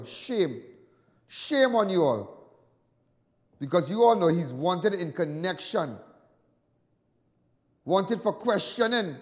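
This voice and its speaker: High-pitched, emphatic Trinidadian man in reverb. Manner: scolding, repetitive, emphatic. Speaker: talk show host. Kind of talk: impassioned monologue to audience. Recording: long echoing reverb.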